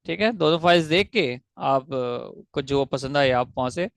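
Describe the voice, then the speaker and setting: Gravelly-voiced man teaching English grammar. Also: fairly high pitch, expressive, no room sound. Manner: explains step by step, spells out syllables slowly, asks the class questions. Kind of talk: online grammar lecture.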